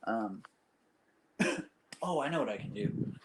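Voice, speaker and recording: Speaking slowly in a fairly low voice with lively intonation, a young man gives a rambling show-and-tell of his gear to a phone camera in his own game room. He fills it with ums and uhs, and background noise is audible.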